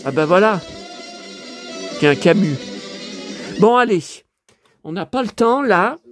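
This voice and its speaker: A hoarse man in a casual vlog, talking to his viewers and muttering exclamations to himself as he browses through his purchases. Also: sits high, lively intonation, slow, faint music behind. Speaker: vlogger showing his purchases.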